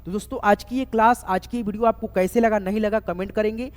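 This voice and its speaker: Man slowly spelling words aloud, echoey room. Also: high-pitched, fairly even intonation. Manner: slowly spells words letter by letter, keeps checking "okay?". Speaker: online English tutor. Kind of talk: chalkboard spelling lesson. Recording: echoey room with long reverb.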